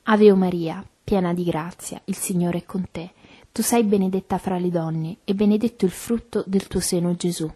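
Woman, recited rosary prayer, soft and even, warm tone, breathy edge. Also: fairly low pitch, normal speed. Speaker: prayer leader.

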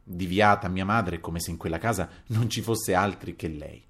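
Male audiobook narrator, lowish voice, dramatic and expressive delivery. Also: normal speed, breathy edge. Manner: expressive, dramatic reading with wide swings in loudness. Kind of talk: audiobook reading of a novel.

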